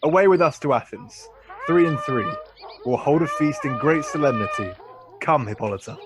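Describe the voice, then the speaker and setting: A man's voice: fairly high pitch, lively intonation, normal speed, noisy background, natural voice. Man playing stately, commanding Duke Theseus. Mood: gracious, commanding. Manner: stately, authoritative. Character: Theseus, commanding noble Duke of Athens, gracious ruler. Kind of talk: Shakespearean radio play acting.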